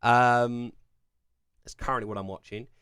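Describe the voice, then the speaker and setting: A man's voice: mid-range voice, steady tone, measured pace, fairly bright tone, smooth, no room sound, studio quality. A young man with an English accent from Kent, chatting casually on a live stream as he reads and answers viewer questions, rambling with plenty of fillers and restarts. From England.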